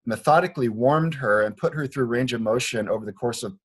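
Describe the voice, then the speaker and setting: A man from Liberia, a foot doctor, speaks a little fast in a mid-range voice with a breathy edge. He is explaining his views in a conversational interview at a clinic in Portland, Oregon, sounding earnest and informal and restarting frequently.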